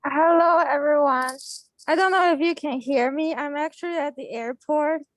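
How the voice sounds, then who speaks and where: A young woman speaks politely and warmly in a high voice, calling in from an airport. The sound is close and dry, with no room echo around her. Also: normal speed. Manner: friendly, polite. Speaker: medical student.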